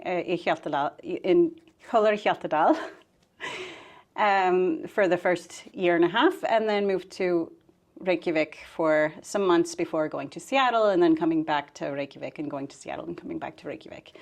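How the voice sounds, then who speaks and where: A woman in her forties, guesting on a podcast, with a slightly low voice. She talks in a relaxed, conversational way and thinks aloud as she goes. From United States. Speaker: guest, fisheries scientist. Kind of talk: casual interview chat.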